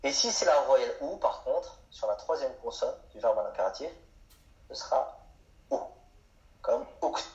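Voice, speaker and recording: A man's voice: medium pitch, lively intonation, moderate pace, pauses often, darkish tone. A man giving an explanatory lesson on grammar, asking questions and answering them himself. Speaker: Arabic teacher. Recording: echoey room, dull sound.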